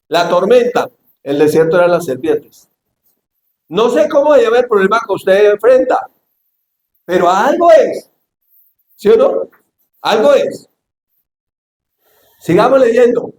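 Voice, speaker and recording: Animated pastor in an echoey hall. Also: male voice, high voice. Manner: animated, acts out Bible scenes, shouts for emphasis. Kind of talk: sermon. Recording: echoey church hall, faint ambience.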